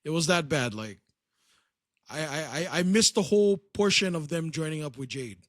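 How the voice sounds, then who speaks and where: A man's voice: on the high side, lively intonation, moderate pace, no room sound, clean studio sound. A man co-hosting a wrestling podcast, sarcastic, repeating phrases for comic effect. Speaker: podcast co-host. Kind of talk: casual podcast chat.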